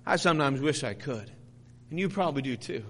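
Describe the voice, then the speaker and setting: A man's voice: medium pitch, lively intonation, a little fast, fairly bright tone, a little hiss or hum. A man preaching a sermon as pastor, rising and falling in intensity, stretching key phrases and reading scripture aloud. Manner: reads scripture in King James wording. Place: church sanctuary. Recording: long hall reverb.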